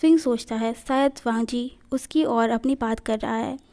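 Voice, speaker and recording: Lady reading a fanfic story aloud, steady, kinda high but mellow. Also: moderate pace. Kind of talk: fan fiction read aloud.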